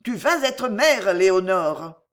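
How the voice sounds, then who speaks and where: A woman's voice: mid-range voice, very animated, voice pushed down. A woman reading a stern, imperious woman. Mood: commanding. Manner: firm, measured, commanding. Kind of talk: audiobook reading.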